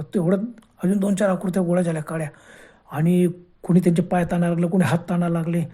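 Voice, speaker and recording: A woman's voice: lowish voice, mellow, slightly rough. A woman narrating a horror story with a dramatic, repetitive telling.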